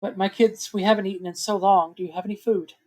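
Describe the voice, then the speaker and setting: A woman's voice: medium pitch, steady tone, fast talker, warm tone, pitched above the performer's own voice, close to an everyday voice. A woman voicing a frightened, weary mother of young children who talks in a shaken, pleading way. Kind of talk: tabletop role-play in character.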